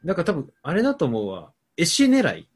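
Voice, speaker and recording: A young adult man hosting a casual comedy chat, reading out listener answers and spinning playful, deadpan absurd riffs. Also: a little high, fairly quick, breathy edge. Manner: playful, riffing on jokes with deadpan absurd claims.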